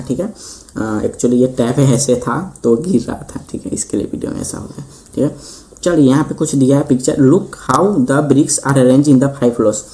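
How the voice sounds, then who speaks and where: Male maths tutor, mellow tone, explains step by step with constant "theek hai" check-ins. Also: mid-range voice, slight background noise. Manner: repeats "ठीक है" often, reads English lines slowly then explains. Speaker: host of the channel. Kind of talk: online maths lesson.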